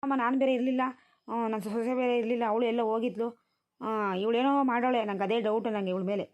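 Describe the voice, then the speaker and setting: A woman voicing a tired, sharp-tongued village grandmother in a cartoon, nagging and scolding. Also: a little high, steady tone, fast talker, muffled recording, lightly acted. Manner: nagging, scolding rural speech. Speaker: grandmother tending a newborn.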